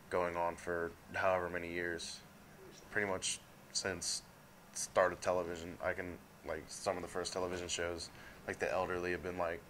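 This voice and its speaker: A man's voice: deep voice, fairly bright tone, a little hiss or hum. A man in his twenties, a college student answering interview questions hesitantly with many fillers. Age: 20s.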